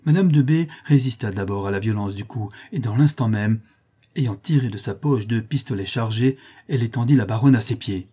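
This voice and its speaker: This literary first-person narration comes from an audiobook reader performing an old French novel with dramatic passion. He has a fairly low, warm, slightly rough voice and speaks at normal speed.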